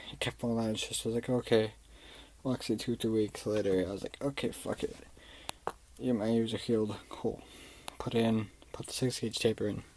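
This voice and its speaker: A man's voice: fairly low pitch, a little mellow, slight background noise, low-quality recording. A young man rambling through a personal story in a casual vlog, swearing often and using lots of fillers. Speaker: vlogger.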